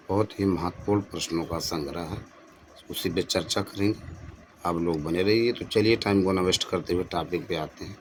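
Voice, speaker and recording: Low-voiced man teaching an exam-prep lesson. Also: a little hiss or hum. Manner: explains answers by repeating the correct form; addresses viewers as friends. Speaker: teacher and channel host.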